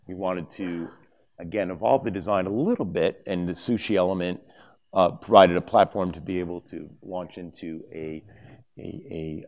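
Middle-aged man, very low voice, conference presenter at a lectern, loose and conversational, trips over his words now and then. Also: highs cut off. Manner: conversational, with many fillers and restarts. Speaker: conference speaker. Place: conference hall stage, at a lectern. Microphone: lapel mic.

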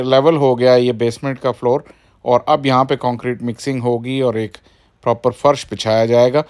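A man talks through a casual vlog in a mid-pitched, ordinary voice, explaining each point at length. He fills his sentences with small filler phrases. He speaks outdoors into a phone camera. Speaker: cricket vlogger.

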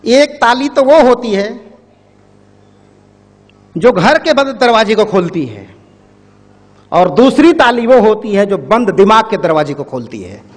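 Male public speaker, high-pitched, storytelling, addresses the crowd directly, reverberant hall. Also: expressive, takes it slowly, pauses often. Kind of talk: motivational speech with a parable. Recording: echoey hall.

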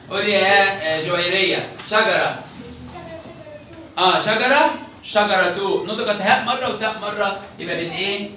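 A man's voice: sits high, sharp tone, slight background noise. A man with an Egyptian Arabic accent teaching a children's grammar lesson, stretching out example words and quizzing pupils by name. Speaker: primary school teacher. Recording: echoey room, mic far off.

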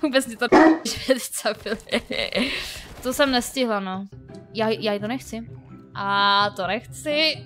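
Young female gaming vlogger, high-pitched, flustered and excitable, slightly sore throat, light music behind. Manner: excitable, flustered, shrieks and laughs at the game. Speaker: gaming YouTuber. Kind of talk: casual gameplay commentary.

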